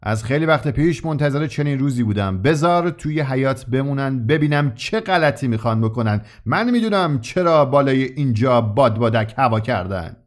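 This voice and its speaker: Shouting prison warden, furious and cursing; a male narrator puts him on. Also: mid-range voice, animated, few pauses, lightly acted. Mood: fuming. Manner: shouting orders.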